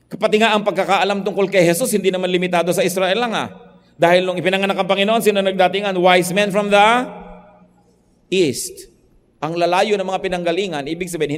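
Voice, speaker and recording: A male pastor preaching a sermon, moving between quiet stretches and emphatic points. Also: high voice, big-room sound. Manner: preaching in Tagalog mixed with English, swinging from soft to emphatic.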